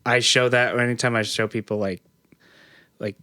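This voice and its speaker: A male podcast co-host chats casually, rambling with lots of fillers and restarts. His mid-range voice is steady, bright, and forceful at a normal speed, captured in clean studio sound with no echo.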